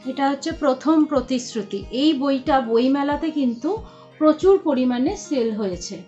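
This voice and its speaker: A high-voiced woman in her thirties, speaking, chats casually to her vlog audience. She hesitates often and restarts her sentences. The recording is slightly muffled, and soft music plays in the background. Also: normal speed. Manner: chatty, with many hesitation sounds and restarts. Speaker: vlogger. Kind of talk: casual vlog chat showing books. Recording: slightly dull lo-fi sound with faint music.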